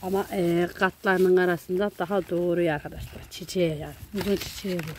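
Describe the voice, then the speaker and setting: A woman's voice: lowish voice, fairly even intonation, fairly quick, darkish tone, a little hiss or hum. A woman vlogger and mother walking through her country garden, chatting to viewers and her small daughter, recorded on a handheld camera. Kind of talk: casual garden tour vlog. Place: outdoor home garden in the countryside near a mountain.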